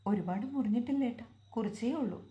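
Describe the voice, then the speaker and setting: A woman's voice: a little high, fast, mellow, muffled recording, close to an everyday voice. A woman voicing a timid, tearful young wife. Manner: hesitant, apologetic. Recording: roomy echo.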